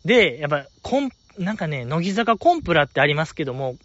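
A man with a Kansai accent rambles through a casual fan-chat podcast, his pitch leaping about with eager enthusiasm. The sound is dull and lo-fi, recorded very dry with no room in it. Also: big pitch swings, fast talker, a bit bright, no echo. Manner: enthusiastic, rambling, lots of fillers. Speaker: podcast host reading listener letters.

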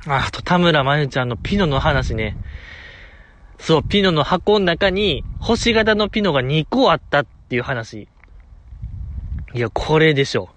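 A man's voice: on the high side, animated, moderate pace, fairly bright tone, a little hiss or hum. A man with a Kansai accent hosting a solo talk show, chatting with enthusiastic, chuckling fan banter. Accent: Kansai Japanese. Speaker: podcast host.

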